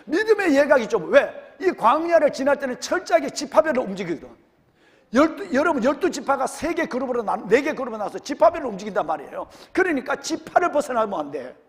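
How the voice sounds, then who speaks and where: A man's voice: very high-pitched, very animated, fast talker, long reverb tail. A male senior pastor with a Gyeongsang accent, preaching a sermon and firing rhetorical questions at his congregation. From Gyeongsang region, Korea. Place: church sanctuary.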